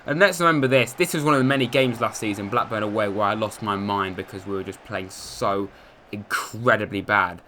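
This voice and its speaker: A young English man giving casual commentary over a football video game, chatty, muttering asides and cheering loudly at goals. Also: fairly low pitch, brisk, a little hiss or hum. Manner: chatty, swings between mumbled asides and excited shouts at goals. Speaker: gaming youtuber. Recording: light music behind.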